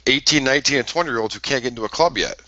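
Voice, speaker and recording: A young man co-hosting a casual podcast, arguing and mocking his co-host in animated banter. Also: medium pitch, rapid-fire, no room sound, muffled recording.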